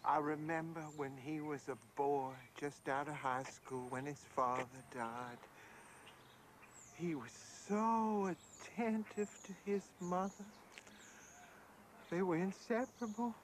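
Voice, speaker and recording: A woman's voice: low voice, takes it slowly, slight background noise. An actress playing an older, sorrowful widowed mother, wistful and anxious, in a film drama. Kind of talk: naturalistic film drama acting.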